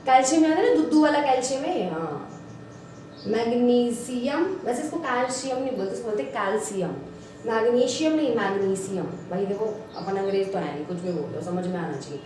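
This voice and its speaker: Animated woman teacher in an echoey room. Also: fairly high pitch, fairly quick, recorded from a distance, slight background noise. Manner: animated, addresses students as beta and bhai. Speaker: biology teacher. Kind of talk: classroom lesson.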